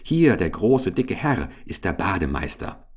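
A man voicing a pompous, officious marabou stork who lectures like a medical official, raising his voice higher than his own. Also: very animated, unhurried, heavily acted.

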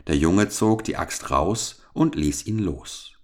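A man reading a fairy tale aloud for children in a calm, measured storytelling manner. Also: low-pitched.

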